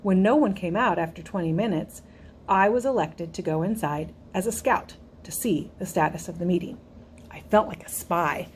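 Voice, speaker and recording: Low-voiced woman reading an audiobook. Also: a little hiss or hum. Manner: even, storytelling delivery. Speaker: audiobook narrator. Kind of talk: first-person audiobook narration.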